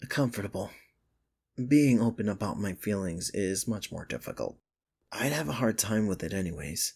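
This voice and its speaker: In an intimate ASMR romance roleplay, a man plays a teasing, flustered office rival who is smitten with the listener. His husky, gravelly voice sits fairly low and is exaggerated, with an earnest, vulnerable mood.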